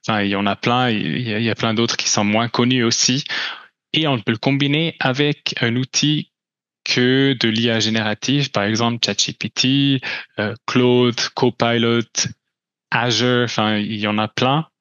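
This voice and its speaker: A Swiss man whose first language is German presents a company conference talk with slides, hesitating often with many restarts and fillers. His mid-range voice is steady and a bit bright at a normal speed. The audio is lo-fi with no room sound.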